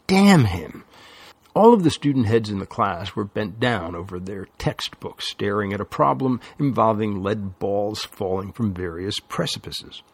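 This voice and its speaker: A man narrating an audiobook with measured storytelling. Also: lowish voice, lively intonation, husky, dry recording. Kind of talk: scripted narration.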